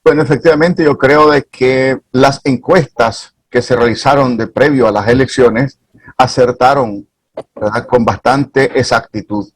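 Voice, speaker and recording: A man, a reverend guest on a TV talk show, speaking in a measured, formal, didactic way. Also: medium pitch, fairly even intonation, husky, dry recording. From Nicaragua.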